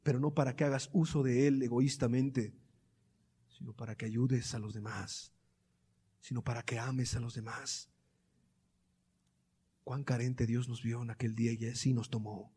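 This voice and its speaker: A man preaching a sermon, moving between quiet, hushed teaching and loud, impassioned passages full of repeated rhetorical questions. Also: mid-range voice, level tone, normal speed, long pauses, slightly rough, big-room sound. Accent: Colombian Spanish.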